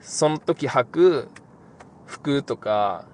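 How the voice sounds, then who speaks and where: Relaxed young man answering podcast questions. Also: mid-range voice, very slow, slight background noise. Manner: relaxed, rambling, many fillers. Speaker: podcast host, pro basketball player. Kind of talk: casual podcast Q&A.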